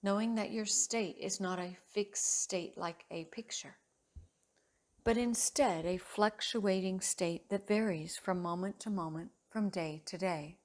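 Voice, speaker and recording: A woman yoga teacher leads a guided meditation at a very slow pace. Her mid-pitched voice is soothing and measured, and long pauses follow each short phrase of gentle instruction.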